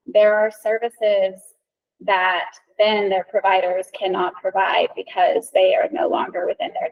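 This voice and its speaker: A woman's voice: medium pitch, vocal fry, highs cut off. A woman speaking at a committee meeting, sharing updates from beneficiaries in a candid, conversational way with many ums. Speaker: committee member. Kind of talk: meeting discussion.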